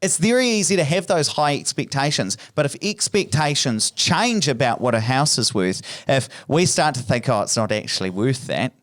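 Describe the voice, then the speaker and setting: A man's voice: medium pitch, expressive, moderate pace, few pauses, a bit bright. A man hosting a casual podcast, chatty and explanatory, with a joking, self-deprecating streak. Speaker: podcast host.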